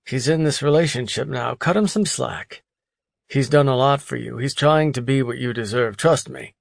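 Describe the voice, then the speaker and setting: A man's voice: mid-range voice, normal speed, creaky, dry recording, studio quality, pitched above the performer's own voice, close to an everyday voice. A male narrator voicing a blunt, outspoken male friend who lectures and teases.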